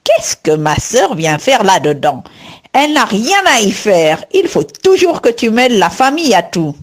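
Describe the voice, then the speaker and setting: A woman voicing a patient husband in a read-aloud textbook dialogue, calm and conciliatory. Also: fairly high pitch, unhurried. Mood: defensive. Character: patient, placating middle-aged husband.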